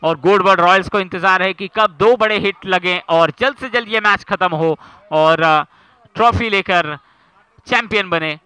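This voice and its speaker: A man delivers excited cricket commentary in a high, bright voice. He is dramatic and builds suspense, speaking crisply and close to the mic. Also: moderate pace, dry recording, poor audio.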